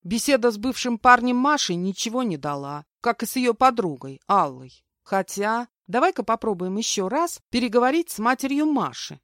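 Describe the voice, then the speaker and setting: A woman's voice: on the high side, expressive, moderate pace, hardly any pauses, a bit bright, no room sound, clean studio sound, pitched above the performer's own voice. A woman voicing a confident, teasing young woman who makes plans for her friend. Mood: breezy.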